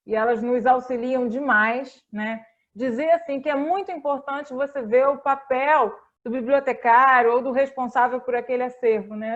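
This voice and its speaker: High-voiced Brazilian woman moderating. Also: lo-fi sound. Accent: Brazilian Portuguese. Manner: earnest, repeats "né?" often. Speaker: moderator and librarian. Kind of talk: online panel moderation.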